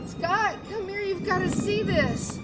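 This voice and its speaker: Woman playing a scared young heiress, high voice, slow, shaky, music behind. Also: low-quality recording. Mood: frightened. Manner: shaky and anxious, crying at times. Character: frightened young woman, heir to a house. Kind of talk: audio drama acting.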